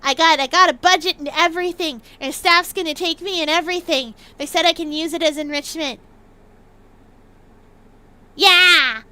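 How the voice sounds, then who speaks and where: Excitable high-pitched woman livestreamer. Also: normal speed, pauses often. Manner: excitable, bouncy, repeats words for emphasis. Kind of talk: playful livestream chat.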